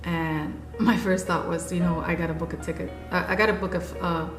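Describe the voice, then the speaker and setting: A woman in her forties from Haiti, earnestly recounting her life in an unhurried interview. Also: on the low side, fairly even intonation. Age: 40s. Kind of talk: personal recollection. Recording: echoey room with music underneath. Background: music.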